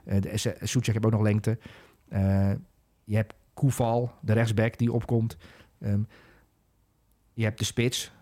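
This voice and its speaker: A man's voice: lowish voice, level tone, measured pace, dark tone. A man analysing football in a casual podcast chat, hesitant, with many fillers and restarts.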